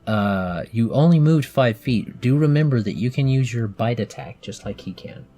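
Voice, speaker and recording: A man's voice: medium pitch, animated, normal speed, dark tone, soft background music. A man in his thirties narrating a tabletop game for a child as game master, patiently explaining the rules with plenty of fillers.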